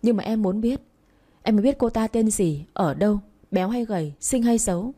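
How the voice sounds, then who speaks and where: A woman's voice: medium pitch, normal speed, mellow, natural voice. Woman reading as a clingy, jealous young woman. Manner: pleading, demanding.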